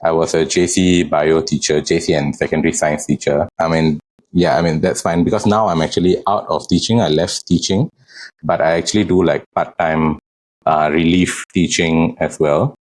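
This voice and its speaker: A man's voice: extremely low pitch, steady tone, normal speed, poor audio. A man with a Singaporean accent, speaking casually and chattily as an interview guest. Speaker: interview guest, real estate agent.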